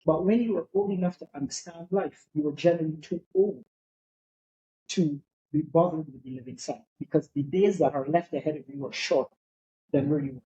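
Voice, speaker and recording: A middle-aged man talks through his thoughts on life as a podcast guest, slow to draw conclusions and fond of a good saying. His voice sits a little high for a man yet sounds soft and warm. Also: lo-fi sound. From Barbados. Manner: reflective, philosophical. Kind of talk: casual podcast conversation.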